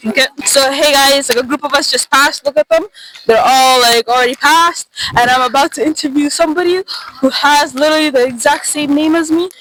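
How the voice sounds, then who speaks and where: A young woman with a high voice chats with fellow hikers, quick to laugh as she asks her questions. She is recorded outdoors on a trail, with steady background noise under her voice. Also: poor audio. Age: young adult. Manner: chatty, laughs often while talking. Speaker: student vlogger interviewing hikers. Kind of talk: casual chat.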